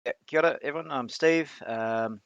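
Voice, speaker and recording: A man from Wellington with a New Zealand accent speaks softly and hesitantly as he introduces his character. The sound is dry and close. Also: medium pitch, normal speed, dry recording, lo-fi sound. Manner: hesitant, soft-spoken. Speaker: player.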